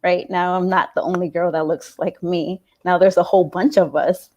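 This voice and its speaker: Lowish-voiced woman recalling her school years. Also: steady tone, moderate pace, dull audio. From New York City. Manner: thoughtful, with frequent fillers and soft laughs. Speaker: interview guest, alumna. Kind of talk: casual interview.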